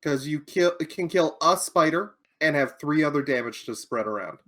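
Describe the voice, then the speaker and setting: A woman's voice: sits low, expressive, moderate pace, fairly bright tone, a little hiss or hum. A woman playing a card game on stream, explaining moves step by step with dry sarcasm. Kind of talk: casual game-night chat.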